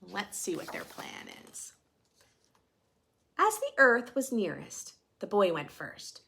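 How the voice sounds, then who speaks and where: A children's story reader and host reads a picture book to preschoolers slowly, her lively delivery swinging widely in pitch, with some creak. She alternates expressive storytelling with chatty, questioning asides to the kids.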